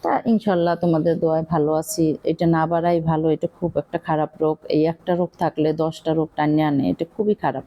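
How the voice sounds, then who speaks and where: A middle-aged Bangladeshi cooking vlogger with a Barishal Bengali accent chats casually while she cooks, rambling and confiding with lots of fillers. Her voice is deep and steady, brisk with few pauses, and the audio sounds dull.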